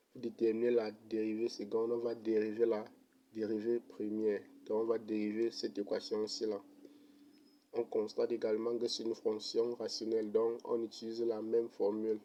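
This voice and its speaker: A man explaining an economics derivation step by step in a methodical lesson, ending with thanks and a sign-off. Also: lowish voice. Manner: slow, methodical, even delivery. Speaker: economics teacher.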